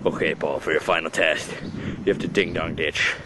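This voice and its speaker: A man behind a handheld camera outdoors, bossing a friend through silly tasks and yelling excitedly at times. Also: a bass voice, moderate pace, very noisy. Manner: bossy and joking, breaks into excited yelling. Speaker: camera operator giving tasks. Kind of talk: goofy home-video comedy. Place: outdoors in a neighborhood.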